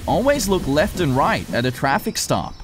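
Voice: mid-range voice, big pitch swings, moderate pace, a little hiss or hum, lightly acted. A narrator for a preschool cartoon, explaining things in simple, instructive short sentences. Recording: music bed under the voice.

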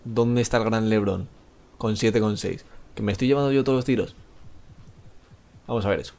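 A man's voice: on the low side, brisk, vocal fry, a little mellow. A man with a Spanish accent chatting live while playing a game, rambling, joking at himself and swearing freely. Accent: Spain Spanish. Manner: rambling, self-mocking, swears a lot. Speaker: gamer streaming live. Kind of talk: live gameplay commentary.

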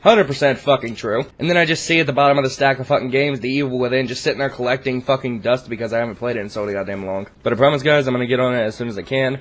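A man hosting his gaming channel, giving casual, rambling gameplay commentary full of profanity. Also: medium pitch. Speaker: YouTube gaming channel host.

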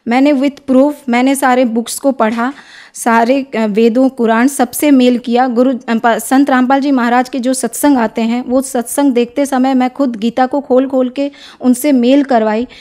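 A young woman speaks as an interview guest, making her case earnestly and persuasively. Her voice sits a little high, and she often pauses on soft filler sounds between phrases. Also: fairly even intonation. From Odisha, India. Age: young adult. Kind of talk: devotional testimony interview.

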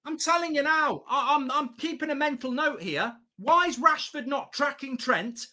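A man's voice: very high-pitched, moderate pace, sharp tone. A man, reacting live to a football match as a watchalong host, exasperated, emphatic, repetitive and sweary. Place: small indoor studio set at a desk.

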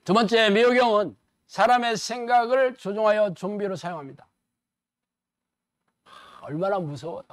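A man preaching a sermon lecture as a pastor, animated and colloquial, firing rhetorical questions at the audience. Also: high voice, normal speed, pauses often, no room sound, clean studio sound.

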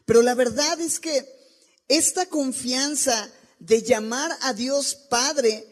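A man, preaching a sermon in a church and asking his listeners many rhetorical questions. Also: extremely high pitch. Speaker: pastor. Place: church sanctuary.

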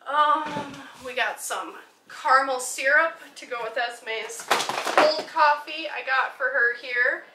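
A woman's voice: sits high, slow pace, pushed and bright. A woman in her thirties chatting casually about her groceries in a home vlog, often laughing as she explains each item. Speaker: vlogger, mother. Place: home dining room, indoors. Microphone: camera mic from across the table. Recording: roomy, distant camera mic with noise.

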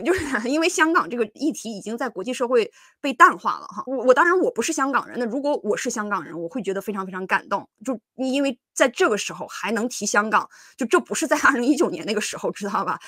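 A woman's voice: a little high, fairly bright tone, no echo, studio quality. A woman hosting a livestream of political commentary, talking casually with many fillers and restarts and breaking into scolding asides.

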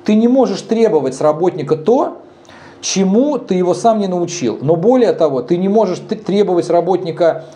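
Mellow, animated man in his thirties. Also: high-pitched, a little fast. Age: 30s. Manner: animated, gesturing, frank and blunt. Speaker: bar co-founder, guest. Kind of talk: casual interview talk. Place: dim bar interior.

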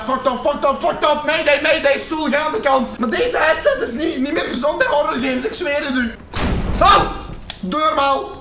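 A Flemish-accented man gives horror game let's-play commentary, loud, swearing and jumpy. His voice sits very high and reaches a distant mic in an echoey room, with clear noise underneath. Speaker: gaming YouTuber. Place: room at home, wearing a VR headset.

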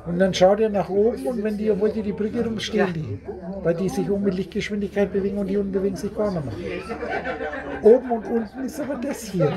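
A man's voice: high voice, quick pace, crowd noise. A man giving a rambling, repetitive spiritual talk to a small group at a meeting, often laughing as he speaks.

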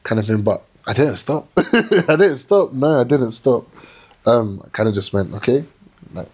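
A young man talking as a podcast guest in a small indoor studio, reflective and animated, telling his story with restarts. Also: mid-range voice, normal speed, husky. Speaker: plus-size model, podcast guest. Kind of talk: casual interview chat.

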